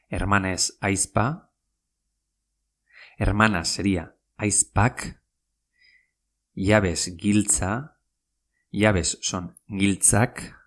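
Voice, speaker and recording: In a podcast language lesson, a low-voiced man teaches patiently and repetitively, spelling out words and saying every phrase twice.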